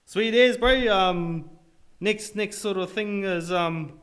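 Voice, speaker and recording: A man's voice: sits high, slow pace, fairly bright tone, clear, resonant tone. A man with a broad New Zealand Māori English accent hosting a podcast in casual, laid-back slang. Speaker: podcast host. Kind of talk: casual chat.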